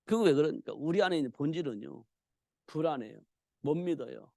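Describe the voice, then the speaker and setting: A pastor delivers a midweek sermon in a relaxed, conversational style, posing rhetorical questions and answering them himself. His slightly high voice is gravelly and creaky, a little mellow, with lively intonation and a somewhat quick pace. The recording is dry and close, with hardly any room echo.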